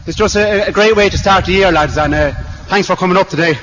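A young Irish man, a team captain, giving a halting off-the-cuff victory speech, saying "lads" constantly. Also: sits high, fairly bright tone, lo-fi sound. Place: outdoor sports ground. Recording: public address echo, faint background noise.

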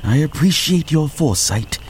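A man's voice: fairly high pitch, lively intonation, moderate pace, a little hiss or hum, lightly acted. An actor playing a fussy, formal man fleeing on foot at night, speaking in precise, proper phrases. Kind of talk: audio drama acting.

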